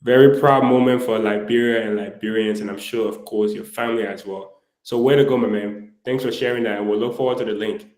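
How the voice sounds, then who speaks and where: A man's voice: on the low side, fairly even intonation, fairly quick, hardly any pauses, darkish tone. Upbeat male talk show host, roomy echo. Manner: upbeat, encouraging. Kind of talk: interview.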